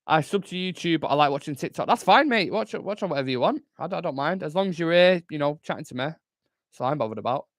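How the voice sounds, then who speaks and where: A man's voice: on the high side, lively intonation, fast, no room sound. Brief: young man, fan-channel host, loose sweary live chat, dry close-mic sound. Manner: casual, chatty, swears freely, reads chat aloud. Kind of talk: live football watchalong chat.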